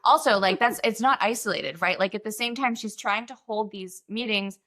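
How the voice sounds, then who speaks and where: Woman, podcast host, casual chat, bright clear tone, chatty storytelling. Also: medium pitch, moderate pace. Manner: chatty storyteller, acts out quoted voices. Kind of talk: casual conversation.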